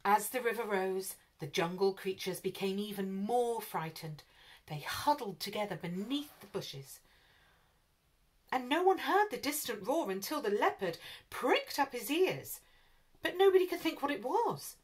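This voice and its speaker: A woman storyteller reading a children's picture book aloud in an expressive, lively way. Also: mid-range voice, measured pace.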